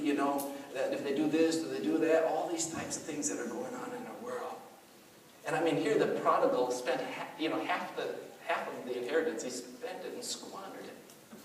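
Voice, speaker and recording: A middle-aged male pastor giving a sermon in an animated, conversational storytelling way, with many asides. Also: on the high side, moderate pace. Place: church hall. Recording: echoey hall, mic far off, faint noise.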